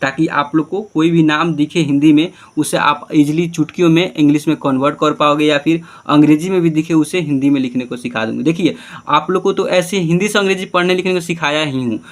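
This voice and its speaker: Male online teacher, slightly high voice, patient, spells out names letter by letter. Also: fairly even intonation, fairly quick. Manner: often says "okay" and checks understanding.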